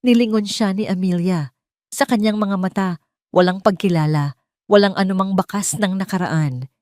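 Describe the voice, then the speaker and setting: This storyteller, a woman with a Filipino accent, gives a solemn, melodramatic narration of a scripted audio love story. Her medium pitch carries a darkish tone at a normal speed, in studio quality with no echo.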